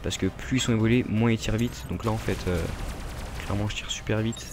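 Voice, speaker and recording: With a French accent and a slightly low male voice, this gaming YouTuber chats a little fast over his gameplay against a noisy background. He rambles with many fillers, breaks off and restarts sentences, and addresses viewers directly in a relaxed, unscripted way.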